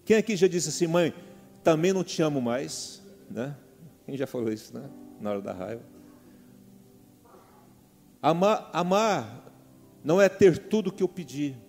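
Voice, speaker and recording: A man's voice: a little high, expressive, brisk, gravelly, warm tone. A middle-aged man with a Brazilian Portuguese accent preaching a sermon as pastor, calling out to the congregation with repeated questions. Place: church hall. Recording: long hall reverb with faint music.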